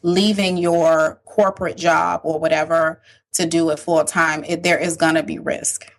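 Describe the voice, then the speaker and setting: A woman co-hosting a podcast, speaking in a casual, measured way. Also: low voice, level tone. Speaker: podcast co-host. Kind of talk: casual chat.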